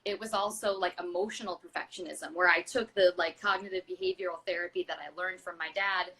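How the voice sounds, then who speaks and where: A woman's voice: lowish voice, steady tone, fairly quick, bright, forceful tone. A woman in her thirties, a stage actress and singer, chatting casually as an interview guest, full of fillers and acting out quoted voices. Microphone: video call.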